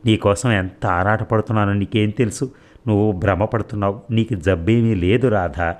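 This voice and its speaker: A man's voice: fairly low pitch, steady tone, normal speed, natural voice. A man playing an anxious, coaxing young husband. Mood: pleading. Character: anxious young husband, tender and pleading with his sick wife.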